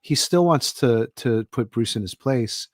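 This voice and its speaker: On a casual podcast, a middle-aged author from Hawaii speaks unhurriedly in a medium-pitched voice with lively intonation. He wanders through his thoughts, using many fillers, and the studio-quality recording has no echo.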